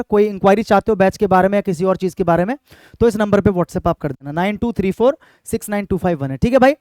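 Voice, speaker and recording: A young exam-prep English teacher talks earnestly to his students straight to camera, constantly checking in with "ठीक है?" and "भाई". His voice is high-pitched, a little mellow, clear and resonant, in a dry recording.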